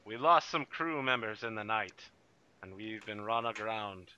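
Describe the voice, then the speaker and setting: A man's voice: lowish voice, animated, a little slow, bright, forceful tone, clear, resonant tone, highs cut off, full character voice. A man voicing a self-important pirate captain in his twenties who tries to sound imposing, in a tabletop game. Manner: pompous, trying to sound imposing.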